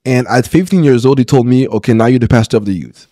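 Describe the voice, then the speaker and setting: Quick and warm, a medium-pitched man's voice belongs to a pastor in his 30s telling his own story in an interview. He speaks earnestly, often restarts and checks in with "right?", on a close studio podcast mic in a small room with no echo.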